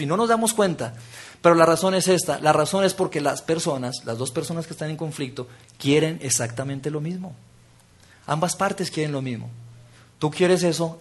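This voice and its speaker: A man preaches a practical sermon. He talks to the crowd directly, asks them to join in, and often lowers his voice to a soft, close tone to stress a point. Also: husky. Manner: engaging, interactive, leads audience exercises; drops to soft intimate tone for key points.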